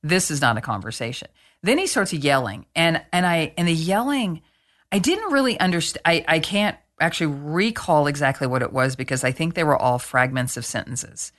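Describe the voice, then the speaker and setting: A woman host telling a story in casual chat, animated and blunt, swearing freely. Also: deep voice, moderate pace.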